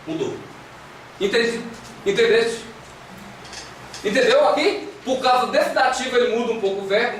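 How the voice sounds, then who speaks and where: Brazilian man, Greek teacher, repetitive drilling, high voice, distant mic, very echoey classroom. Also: a bit bright. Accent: Brazilian Portuguese. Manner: drills students in chanted syllables, coaxing and repetitive. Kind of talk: classroom lecture. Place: classroom with echo. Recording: echoey room, distant mic, faint hiss.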